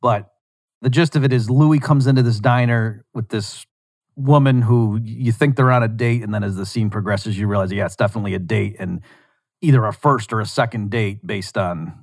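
A man hosting a show, casually retelling a scene from a show in a rambling, animated way with lots of restarts. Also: on the low side, normal speed, vocal fry, no room sound, studio quality. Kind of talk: casual storytelling monologue.

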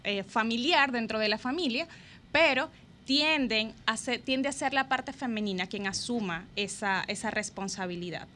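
Bright higher-voiced woman specialist. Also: moderate pace, slight background noise. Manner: reflective, agreeing and elaborating. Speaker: behavior specialist guest. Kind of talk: explanatory radio talk.

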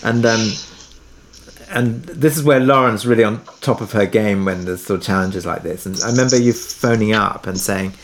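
As an interview guest, a man with a fairly low voice speaks at a normal speed, sharing production anecdotes in a casual, conversational way and thinking aloud as he goes.

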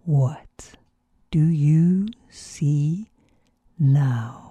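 Woman doing a shadowy storybook hawk predator: low rasping whisper, slow and dark. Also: dry recording, full character voice. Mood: menacing whisper.

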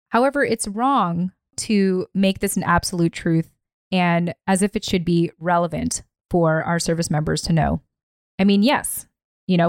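A woman hosting a podcast, explaining figures in a deliberate, emphatic way with occasional sarcasm. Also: fairly low pitch, darkish tone, no room sound, studio quality. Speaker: podcast host.

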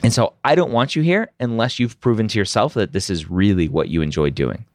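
A middle-aged American man hosts a podcast, answering listener questions in a casual advice Q&A. His voice sits on the low side and moves briskly, recorded with studio quality and no room sound. He gives candid, opinionated advice and caps his points with a rhetorical "right?".

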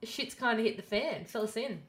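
A young woman co-hosting a podcast, chatting casually and upbeat with quick asides. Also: fairly high pitch, animated, echoey room. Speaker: podcast co-host.

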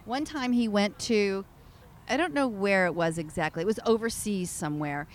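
A woman podcast co-host chatting casually outdoors in a city park, bubbly and excitable. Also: medium pitch, normal speed, a little hiss or hum. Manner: bubbly, excitable, gasps and laughs often.

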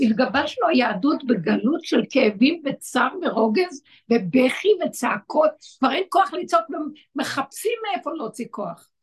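A woman's voice: sits high, very animated, hardly any pauses, slightly rough. A woman leading a religious lesson for women, urging her listeners on with short, repeated phrases. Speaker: spiritual teacher leading a women's class.

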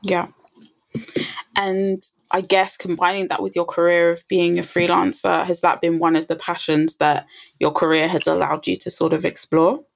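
A woman's voice: fairly low pitch, little pitch movement, moderate pace, gravelly. A woman hosting a podcast, talking in an upbeat, emphatic way as she opens the show and puts questions to her guest. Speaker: podcast host. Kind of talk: podcast intro and interview.

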